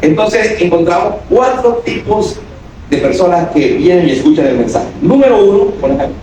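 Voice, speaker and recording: High-voiced pastor booming through a church. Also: male voice, expressive, normal speed, mellow, a little hiss or hum. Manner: emphatic, asks the congregation questions and acts out quoted voices. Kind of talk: sermon. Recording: echoey church hall from a distance.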